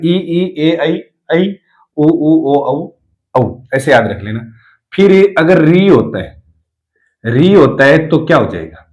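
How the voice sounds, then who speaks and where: Male teacher, fairly high voice, repetitive step-by-step lesson delivery. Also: poor audio. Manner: repeats rules and asks rhetorical questions. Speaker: Hindi lecturer teaching spelling rules. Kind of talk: classroom lesson explanation.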